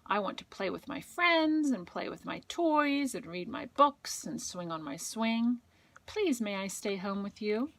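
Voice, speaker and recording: A woman's voice: mid-range voice, lively intonation, measured pace, creaky, a bit bright, full character voice. A woman voicing a clingy, curious little boy raccoon in a storybook read to a toddler, with childlike pleading and questioning.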